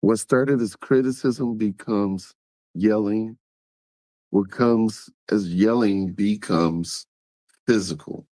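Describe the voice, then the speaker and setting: Low-voiced man hosting a podcast. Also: slow pace, few pauses, dark tone, no echo. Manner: conversational, talks straight to listeners, acts out quotes. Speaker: podcast host. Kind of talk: casual podcast monologue.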